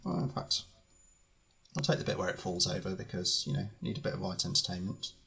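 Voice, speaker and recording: A man streaming live as he edits his video, thinking aloud with fillers and restarts, his voice slightly hoarse. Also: deep voice, animated, fairly quick, a bit bright. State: slightly hoarse, clearing throat. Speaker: channel host editing video. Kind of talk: casual live-stream commentary.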